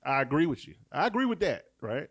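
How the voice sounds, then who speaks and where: Lively, argumentative man. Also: a little high, fast. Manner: argumentative, rhetorical questions. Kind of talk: casual podcast debate.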